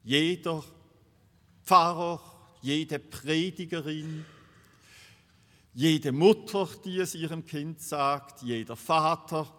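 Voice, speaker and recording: A man preaching a sermon in a measured, unhurried cadence. His voice sits a little high for a man. He repeats key words for weight, and the long reverb of the church hall trails after each phrase. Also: sharp tone. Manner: slow, deliberate preaching with emphatic repetitions. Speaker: pastor.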